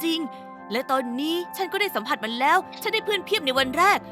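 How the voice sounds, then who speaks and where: A woman narrating a first-person animated story dub in a lively, chatty way. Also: extremely high pitch, a little fast, music in the background.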